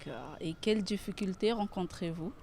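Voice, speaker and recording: A woman hosting a cultural magazine show, asking measured questions and reading announcements. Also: fairly low pitch, warm tone.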